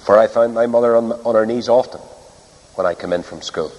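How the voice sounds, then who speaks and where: A middle-aged man with a Northern Irish accent preaching a sermon earnestly, with rhetorical repetition and dramatic pauses. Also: mid-range voice, a little mellow, dull audio. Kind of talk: sermon to a congregation. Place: large hall or church, speaking to a live audience. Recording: long reverb of a large hall.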